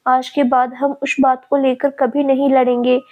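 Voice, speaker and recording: A woman's voice: high voice, flat delivery, moderate pace, highs cut off. A woman voicing an innocent young woman who forgives her lover through tears. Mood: tearful. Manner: innocent, crying.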